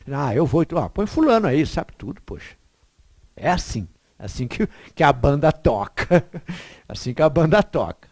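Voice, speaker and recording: Lively woman teaching grammar. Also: sits low, dry recording, clean studio sound. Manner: chatty and emphatic, tags points with "né?", chuckles often. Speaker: Portuguese teacher. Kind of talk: informal grammar lesson.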